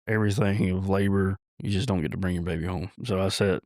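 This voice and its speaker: A man, a podcast guest telling a personal story in a halting way, with many restarts and fillers. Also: low voice, fairly even intonation, a little mellow, no room sound, clean studio sound.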